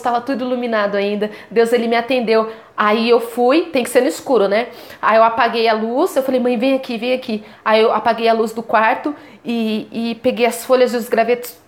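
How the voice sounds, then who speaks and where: A young woman from Brazil telling a faith testimony as a casual vlog, acting out the voices of her mother and sister with lively jumps. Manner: animated, acts out quoted voices with big pitch jumps.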